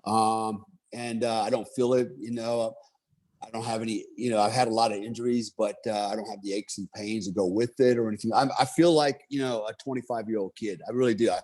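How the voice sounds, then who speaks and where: His voice is fairly low, steady, brisk and a little mellow: a man in his fifties, raised in Germany, recounting his life as a motivational speaker. The monologue rambles, with frequent fillers and rhetorical asides.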